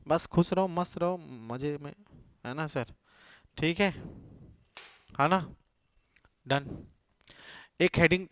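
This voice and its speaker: A man's voice: a little high, clean tone, no room sound, clean studio sound. A male teacher giving a classroom lecture, dictating notes, repeating key words and checking in with his students.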